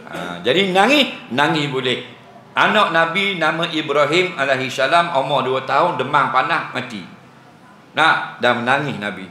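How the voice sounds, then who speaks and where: A man's voice: a little high, expressive, moderate pace, pushed and bright, slight background noise. A man with a Terengganu Malay accent gives an evening religious lecture as a teacher, joking and teasing his audience and laughing often. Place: village prayer hall. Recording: echoey hall with faint ambience.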